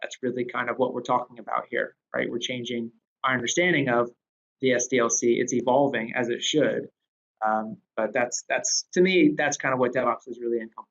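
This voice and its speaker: A man's voice: medium pitch, steady tone, brisk, a bit bright. Thoughtful man discussing DevOps, dull audio. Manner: thoughtful, with frequent fillers and restarts. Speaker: guest speaker on DevOps. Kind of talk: conversational discussion.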